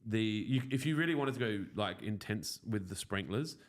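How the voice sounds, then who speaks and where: Fairly low and expressive, this male voice moves at a moderate clip. He's the broad-accented Australian host of a lawn care program, fielding viewer questions in a relaxed live chat with plenty of swearing, jokes and blokey banter.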